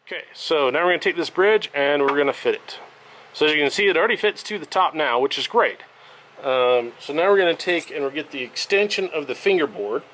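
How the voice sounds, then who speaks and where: A man who repairs violins, explaining each step of a workshop tutorial in a relaxed, step-by-step way while working at his bench. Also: a little high, a little hiss or hum. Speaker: violin maker.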